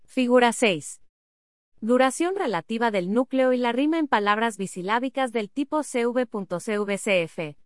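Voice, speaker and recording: A woman's voice: a little high, no room sound, studio quality. Woman reading an academic paper. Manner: reads symbols, figure captions and abbreviations literally.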